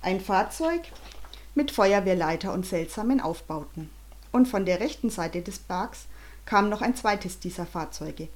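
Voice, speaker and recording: A woman reads a children's adventure story aloud with animated, dramatic expression. Her narration builds suspense and moves briskly through the action. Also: mid-range voice. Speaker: audiobook reader.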